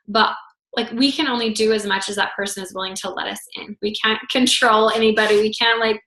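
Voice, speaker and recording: A woman's voice: a little high, steady tone, fairly quick, bright, forceful tone. A woman teaching a group in a casual, chatty way, full of filler words, her voice slightly worn. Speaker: foot zoning instructor. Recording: roomy echo.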